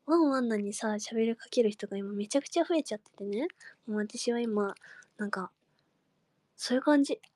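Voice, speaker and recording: A young woman chatting casually with fans on a livestream, giggling and dropping into soft murmurs and whispers. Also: on the high side, a little fast, dry recording. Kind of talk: casual chat.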